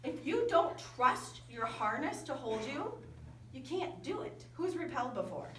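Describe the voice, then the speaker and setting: Animated woman preaching in an echoey hall. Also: sits high, a little slow, recorded from a distance, noisy background. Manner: lively, animated storytelling with quoted dialogue. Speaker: camp speaker. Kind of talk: storytelling sermon to youth. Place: large indoor hall at a winter camp.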